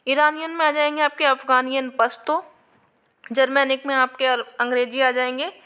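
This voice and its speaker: Her voice is high and bright with little pitch movement, delivered at a moderate pace with a forceful, clear and resonant tone. She is a teacher working through past exam questions, explaining each answer, repeating key points, and often addressing viewers with "आपके."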